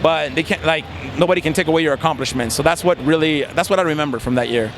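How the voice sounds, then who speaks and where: A Mexican man in his twenties, a competitive gamer who also studies law, talks quickly in a slightly high voice during a casual outdoor interview. He sounds earnest and reflective, uses lots of fillers, and there's noise in the background.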